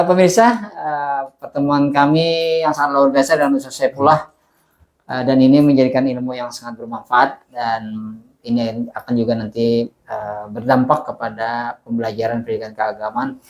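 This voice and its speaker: A man hosts an interview at a middle pitch and speaks formally. He keeps affirming his guest with short replies and closes with a polite sign-off. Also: fairly even intonation, normal speed.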